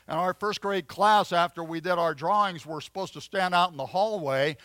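Man preaching with halting fillers. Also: fairly high pitch, fairly bright tone, no room sound. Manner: halting, many fillers and restarts. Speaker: pastor. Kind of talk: sermon with personal storytelling.

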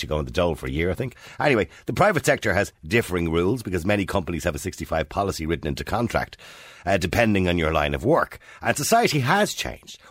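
A man's voice: sits low, husky, no echo. A man in his fifties with an Irish accent, hosting a talk radio show and putting questions to listeners in a chatty, opinionated way. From Ireland. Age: 50s.

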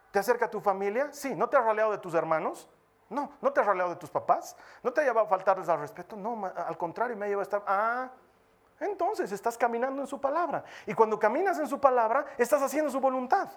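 A man preaching a sermon to his congregation, moving from loud emphatic lines to soft hushed ones and acting out the voices of the people he talks about. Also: high voice.

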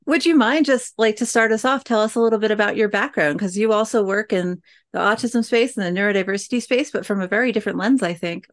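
A woman hosting a podcast, friendly and lively as she asks her guest questions. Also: medium pitch, fast. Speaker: podcast host. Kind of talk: interview conversation.

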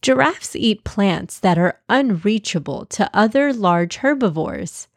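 Slow, expressive woman storyteller. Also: medium pitch, gravelly, slight background noise. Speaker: children's storyteller. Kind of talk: scripted story narration.

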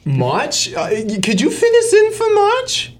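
A man's voice: very high-pitched, huge pitch swings, measured pace, voice pushed up, exaggerated voice. A young man playing a rambling elderly man on a prank call, a podcast co-host. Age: young adult. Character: old man prank caller Marvin.

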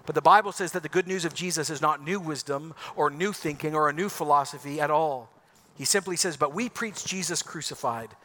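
A man's voice: fairly high pitch, brisk, sharp tone. A man who grew up in Ecuador, preaching an Easter sermon in an emphatic, rhetorical way. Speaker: pastor.

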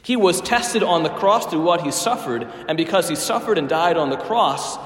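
A man's voice: on the high side, lively intonation, normal speed. A man preaching a sermon as a priest, telling a story with emphatic phrasing in a church. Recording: echoey church with long reverb.

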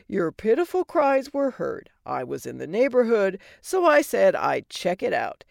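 A woman voicing a bossy, sarcastic fairy godmother who talks loudly and bluntly. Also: mid-range voice, wildly swooping pitch, measured pace, vocal fry, no echo, studio quality, full character voice.

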